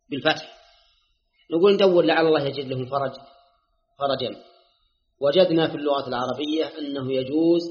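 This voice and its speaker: An older man giving a religious lesson, explaining points slowly and sounding out pronunciations himself. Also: a little high. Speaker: scholar teaching a classical text. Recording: dull lo-fi lecture recording.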